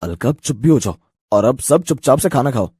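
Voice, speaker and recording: Cartoon story, a man voicing a stern old father-in-law, dark husky voice, dry sound. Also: mid-range voice, a little fast. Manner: calm, hushing others.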